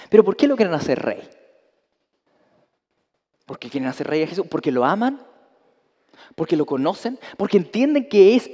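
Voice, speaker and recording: High-voiced pastor preaching in a reverberant hall. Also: male voice, darkish tone. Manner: emphatic preaching with rhetorical questions. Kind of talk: sermon.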